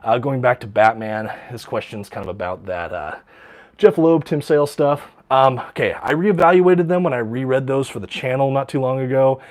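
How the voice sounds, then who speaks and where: A man's voice: mid-range voice, moderate pace, darkish tone. Enthusiastic man chatting on a livestream. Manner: enthusiastic, many ums and uhs, reads out viewer questions. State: slightly out of breath with a cold. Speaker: livestream host showing his comic collection. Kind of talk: casual livestream chat.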